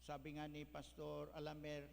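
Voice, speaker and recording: A man's voice: fairly high pitch, completely flat delivery, moderate pace, vocal fry. A male pastor, preaching a folksy sermon that mixes in English words. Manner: folksy, mixes English, tags lines with "ano?". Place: church hall. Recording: echoey church hall, faint hum.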